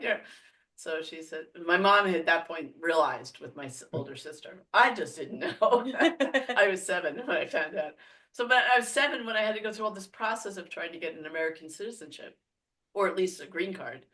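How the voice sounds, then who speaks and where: A French woman with a mid-range voice, recorded on a distant mic, appears as a podcast guest. She tells personal stories in a casual, animated chat and laughs often.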